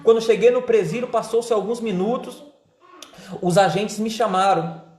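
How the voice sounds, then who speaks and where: A man's voice: high voice, moderate pace, a little mellow, reverberant. A man with a Brazilian Portuguese accent giving a fervent evangelical testimony, repeating his phrases in a preacherly way. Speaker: testimony speaker.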